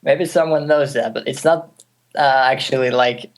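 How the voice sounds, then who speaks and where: Young Finnish man, twenties, native Finnish speaker, call interview guest, halting and friendly. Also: medium pitch. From Finland. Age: 20s. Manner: hesitant, many fillers and restarts, light laughs. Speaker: guest music producer. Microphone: call audio.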